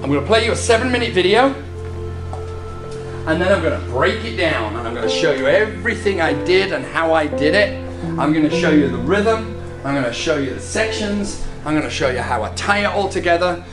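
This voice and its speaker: A man's voice: a little high, lively intonation, fairly quick. A middle-aged man hosting a vlog and running a seminar, talking enthusiastically and repeating words for punch. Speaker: vlog host and real estate agent. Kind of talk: energetic vlog and seminar talk. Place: car, office and seminar room. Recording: music playing underneath.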